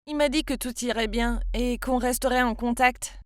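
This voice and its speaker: A woman reading a first-person story in a steady scripted narration, voicing short quoted lines lightly. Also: fairly high pitch, normal speed, no room sound, studio quality.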